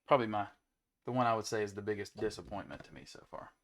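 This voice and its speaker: A man's voice: lowish voice, expressive, fast talker, a bit bright. A young adult man hosting a trading card break, chatting casually and calling out player names as he opens packs. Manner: easygoing, rattles off player names between chat. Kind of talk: casual chat while opening card packs.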